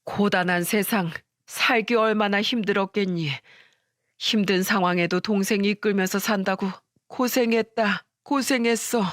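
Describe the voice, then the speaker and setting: A narrator doing a gentle, consoling father. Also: medium pitch, steady tone, moderate pace, dry recording, studio quality, lightly acted. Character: warm, consoling older father-in-law.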